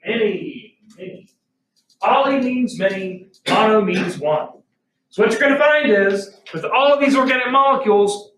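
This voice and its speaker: Male science teacher, high voice, folksy lecture style, recorded from across a roomy classroom. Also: fairly bright tone, slight background noise. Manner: folksy, asks the class questions. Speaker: biology teacher. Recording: roomy classroom audio from a distant mic.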